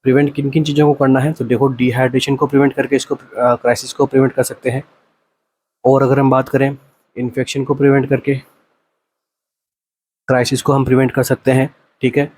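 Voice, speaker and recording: A male nursing exam coach explaining multiple-choice answers, asking rhetorical questions, answering them himself, and reading the English options out slowly. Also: medium pitch, flat delivery, a little mellow, breathy edge.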